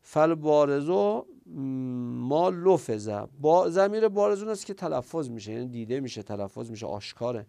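A man's voice: mid-range voice, lively intonation, gravelly, few pauses, warm tone. A man teaching a grammar class, explaining step by step, reciting Arabic passages and asking and answering his own questions.

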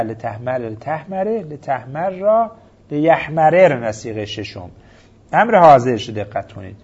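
A man's voice: mid-range voice, a little mellow, slightly rough. A man teaching a grammar lesson, patiently reciting verb forms in methodical lists. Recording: dull lo-fi recording.

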